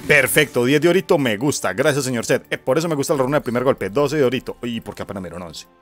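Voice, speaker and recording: A man's voice: medium pitch, lively intonation, fast talker, a bit bright, soft background music. Casual Colombian man commentating gameplay. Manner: casual, profane, talks to himself and his opponent. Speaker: gamer.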